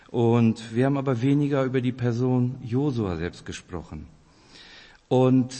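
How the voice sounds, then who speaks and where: Speaking with a warm, mid-range voice, a man in his forties preaches informally at a church weekend. Originally from Kazakhstan, he has a Russian-German accent and rolls his R's. Friendly and talkative, he introduces himself and speaks straight to his listeners in a reverberant hall.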